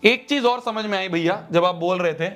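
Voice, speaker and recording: High-voiced young male math teacher. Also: moderate pace, fairly bright tone. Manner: repetitive, drills steps and addresses students as friends. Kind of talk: online math lesson.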